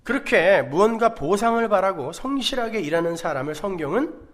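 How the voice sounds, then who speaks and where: A man's voice: high voice, animated, fairly quick. A male pastor preaching a dramatic sermon, asking rhetorical questions and acting out quotes.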